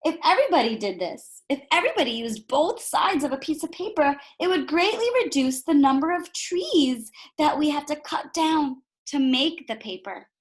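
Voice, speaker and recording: High-pitched and moving at a moderate clip with hardly any pauses, a woman reads a picture book expressively to young kids as a teacher might. She keeps it animated and instructive, weaving in asides and rhetorical questions for the children.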